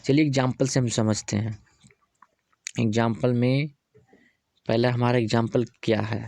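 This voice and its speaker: A man's voice: medium pitch, fairly even intonation, moderate pace, vocal fry, a little mellow, dry recording. A man teaching English grammar, going through examples step by step and asking himself rhetorical questions.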